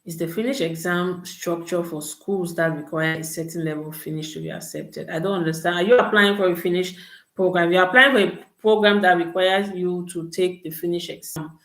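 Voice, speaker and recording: Speaking a little fast in a fairly low, evenly pitched voice, a young Cameroonian host answers study-abroad questions live. Her advice comes with frequent "okay" and "all right" checks, and the recording carries a roomy echo.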